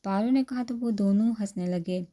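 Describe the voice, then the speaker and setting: A woman's voice: medium pitch, warm tone. A woman narrator steadily reading a romance novel aloud.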